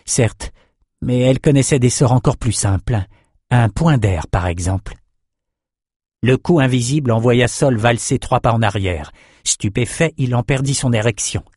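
A man narrating a fantasy audiobook in a steady, measured reading style. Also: mid-range voice, slightly rough, dry recording, studio quality.

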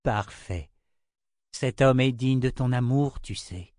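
A man voicing a gentle, soothing mother. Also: mid-range voice, slow, no room sound, studio quality, close to an everyday voice. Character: gentle, reassuring mother of a young girl. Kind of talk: audiobook character reading.

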